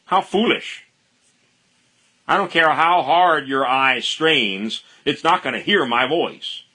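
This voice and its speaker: A man's voice: mid-range voice, a little slow, bright, forceful tone, poor audio. A man preaching a sermon in a plain-spoken teaching manner, stressing points with emphatic repetition.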